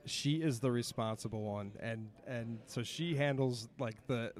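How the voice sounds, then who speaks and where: A man's voice: mid-range voice, unhurried. A man chatting as a podcast guest at a comic and toy show, laughing often at his own stories. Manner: laughing, self-mocking storyteller. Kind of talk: casual podcast chat. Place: convention hall.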